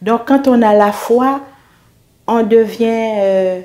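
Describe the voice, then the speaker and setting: A woman's voice: a little high, takes it slowly, dark tone. A middle-aged woman giving an earnest faith testimony in an interview, speaking hesitantly and often restarting or repeating her words.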